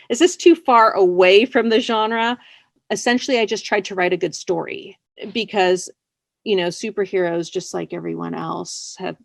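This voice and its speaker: A scriptwriter is interviewed, chatting informally and rambling with plenty of "like" and "you know." Her mid-range voice is creaky, and there's no echo.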